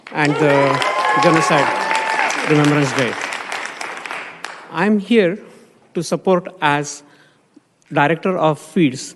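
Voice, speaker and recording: Man from India, public comment, halting, many fillers, slightly high voice, reverberant council chamber. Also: noisy background. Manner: halting, with frequent fillers and restarts. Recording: long hall reverb.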